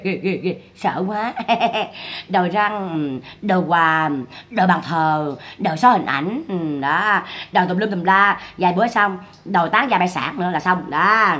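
A woman's voice: mid-range voice, pushed and bright. A woman giving scornful livestream commentary on online drama, firing repeated rhetorical questions.

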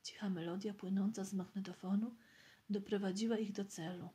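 A woman reading a novel aloud in a soft, half-whispered storytelling manner. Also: mid-range voice, fairly even intonation, a little fast, breathy edge. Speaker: reader.

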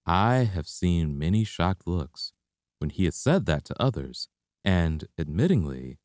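A young man, a karate instructor, reading his own memoir aloud in a steady, reflective way. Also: low voice, no echo, studio quality. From Canada. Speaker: martial arts instructor.

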